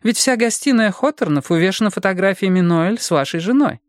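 A man reading an audiobook, voicing a persistent female police detective with brisk, pressing questions. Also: sits high, expressive, no echo, studio quality, voice pushed up. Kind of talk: audiobook character voice.

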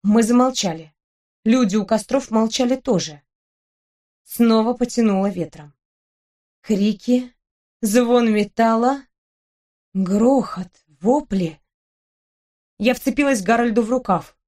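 A woman reading a first-person story aloud as audiobook narration, with expressive, lively delivery. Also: a little high, slow, pauses often.

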